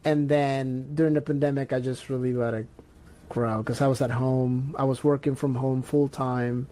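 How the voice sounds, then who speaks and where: A man's voice: mid-range voice, flat delivery, moderate pace, dark tone. A young man from Peru chatting casually as a podcast guest, hesitant with many fillers and restarts. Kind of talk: casual chat.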